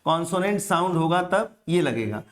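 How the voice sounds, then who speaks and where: Male grammar teacher, higher-pitched, deliberate, stretches out example words, asks and answers his own questions. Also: animated. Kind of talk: exam-prep grammar lesson.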